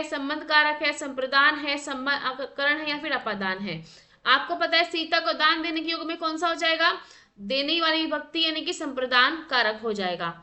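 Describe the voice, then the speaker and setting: Woman teacher going through quiz questions, high pitched and really bright, asks then answers herself. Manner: quizzing, reads out options then asks for the answer; corrects herself aloud, thinking through answers. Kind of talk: exam practice lesson.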